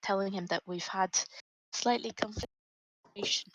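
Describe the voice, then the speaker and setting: A woman playing a tabletop game, talking in a halting, hesitant way as her online call keeps cutting out. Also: medium pitch, a bit bright, no echo, poor audio. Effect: voice cutting out over a dropping online call. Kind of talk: online tabletop roleplay chat.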